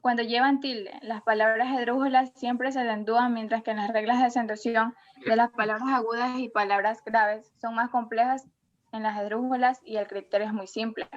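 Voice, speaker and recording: A woman with a somewhat high voice reads her part of a class presentation, carefully and evenly, as if from a script. The audio is dull and lo-fi. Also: moderate pace. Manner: careful, even reading of a script. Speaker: student presenter.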